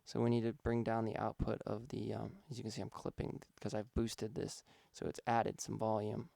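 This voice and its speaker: A man's voice: on the low side, completely flat delivery, moderate pace, creaky, dark tone, no room sound. A man, a music producer, casually walking through his vocal mixing steps, thinking aloud with some fillers. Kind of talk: casual instructional walkthrough.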